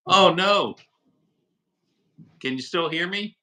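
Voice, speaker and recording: A man's voice: on the high side, sharp tone. Man on a breaking-up live-stream connection. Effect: live-stream audio breaking up from a dropping connection. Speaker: co-host in a live political chat. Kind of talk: casual political discussion over a live stream.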